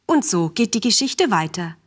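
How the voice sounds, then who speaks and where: A woman narrating a children's story in a gentle, calm way, speaking directly to the children. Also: medium pitch, moderate pace, faint music behind.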